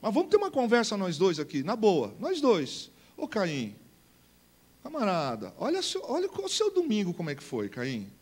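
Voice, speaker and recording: A Brazilian pastor voicing God as a gentle, fatherly figure who speaks softly and in casual slang. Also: sits high, moderate pace, slightly rough, heavily acted. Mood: earnest, chummy. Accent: Brazilian Portuguese. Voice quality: soft and calm, street-casual slang. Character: gentle, fatherly God coaxing a sulking man. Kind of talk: acted quotation within a sermon.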